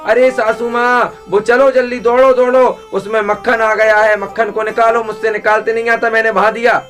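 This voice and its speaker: A woman's voice: mid-range voice, steady tone, moderate pace, a bit bright, faint music behind, pitched above the performer's own voice, natural voice. A man voicing a panicky young newlywed daughter-in-law who calls out shrilly and flustered. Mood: alarmed.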